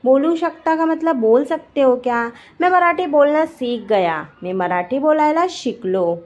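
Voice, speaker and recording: Slow, high-voiced woman teaching phrases. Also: expressive, darkish tone. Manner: repeats each sentence twice, clear and deliberate. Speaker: language teacher. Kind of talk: slow phrase-by-phrase language lesson.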